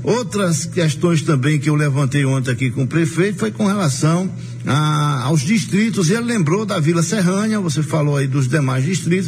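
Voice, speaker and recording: A man's voice: on the high side, a little mellow, slight background noise. A man hosting a local radio news show and conversationally interviewing a guest. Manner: conversational, leading a phone interview. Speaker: radio host.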